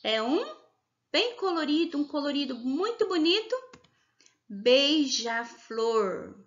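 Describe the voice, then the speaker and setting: A woman's voice: sits high, very animated, takes it slowly, highs cut off. A woman with a Brazilian accent teaching a remote kindergarten class, sounding out words syllable by syllable and clapping along, patient and encouraging. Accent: Brazilian Portuguese. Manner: patient, encouraging, asks questions. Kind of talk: remote class for young children.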